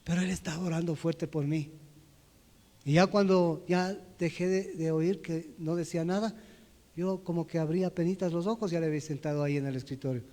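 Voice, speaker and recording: A man preaching a personal testimony, swinging from loud to hushed as he tells the story. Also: fairly high pitch, fairly even intonation, brisk, in a large hall. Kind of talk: sermon testimony. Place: church hall.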